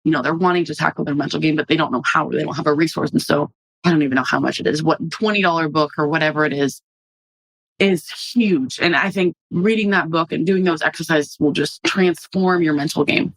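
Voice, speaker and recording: A young adult woman, a softball player guest in a casual podcast interview, telling stories animatedly and acting out quotes. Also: low-pitched, brisk, breathy edge, dry recording, rough recording.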